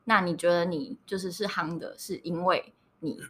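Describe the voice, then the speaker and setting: A woman hosting a podcast, interviewing casually in a teasing, animated way. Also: lowish voice, moderate pace, breathy edge.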